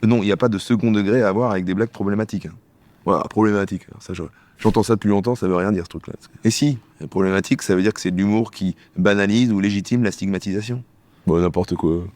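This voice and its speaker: A man acting out a bickering comedy sketch dialogue, trading quick lines between two characters. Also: on the low side, steady tone, darkish tone, no room sound.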